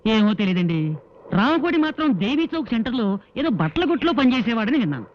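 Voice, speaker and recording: A chatty card player who spins memories full of card-game quips. His voice is high and jumps up and down. It comes through a dull, lo-fi film soundtrack with a faint hiss. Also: fairly quick. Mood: reminiscing. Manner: animated, reminiscing with playing-card jokes. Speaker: old acquaintance recalling a friend.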